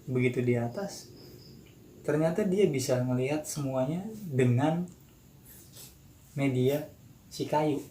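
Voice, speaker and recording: Animated Jakarta-accented young man telling a story. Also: medium pitch, slow pace, long pauses. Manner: animated, acts out quotes. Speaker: guest storyteller. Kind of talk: casual horror storytelling. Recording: roomy echo, faint noise.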